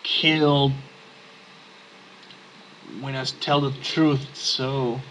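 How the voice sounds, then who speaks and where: A man's voice: mid-range voice, little pitch movement, drawn-out words, a bit bright, slight background noise, rough recording. A man playing a text-based game, reading its text aloud and adding casual muttered asides. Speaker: let's play gamer.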